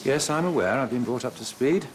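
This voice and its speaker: A man's voice: mid-range voice, animated, fairly quick, natural voice. A man playing a stern, restrained senior surgeon in a TV hospital drama, speaking in a clipped, precise, formal way. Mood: cool, insistent. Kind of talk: scripted TV drama dialogue.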